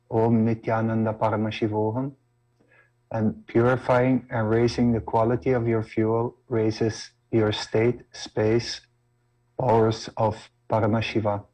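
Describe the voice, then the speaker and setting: A man recites a devotional testimonial, stepping through a list of spiritual terms one by one. His voice is low and stays in a flat, narrow band of pitch.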